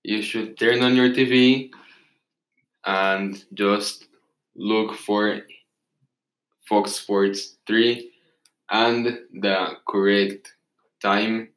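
A young man as the expert guest in a casual interview, giving halting answers with pauses. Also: lowish voice, steady tone, a bit bright. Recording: echoey room.

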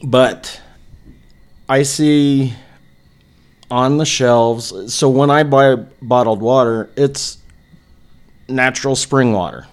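A man's voice: medium pitch, takes it slowly, long pauses. A man co-hosting a podcast, talking in a laid-back, casual way and swearing freely. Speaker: podcast co-host.

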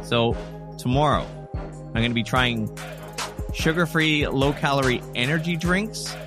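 A man's voice: mid-range voice, a little slow, music in the background. A man hosting a news podcast, delivering scripted reports and casual asides as a presenter.

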